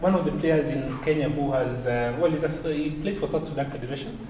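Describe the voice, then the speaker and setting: A man hosts a chess tournament broadcast in a loose, chatty way, dotted with fillers and restarts. He sits some distance from the mic in a long-ringing hall, with steady background noise behind him. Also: mid-range voice, quick pace. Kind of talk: casual tournament commentary and interviewing.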